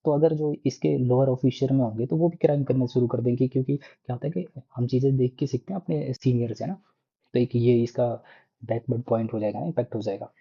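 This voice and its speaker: Husky-voiced man explaining, lo-fi sound. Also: medium pitch, fairly even intonation, fairly quick. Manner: casual, repeats "na" and restarts often. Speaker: exam prep teacher. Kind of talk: explanatory lecture.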